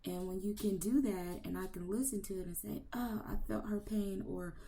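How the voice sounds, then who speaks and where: A woman's voice: medium pitch, steady tone, moderate pace, creaky, mellow, slight background noise. A woman hosting an interview, asking long rambling questions in casual chat. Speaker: interview host.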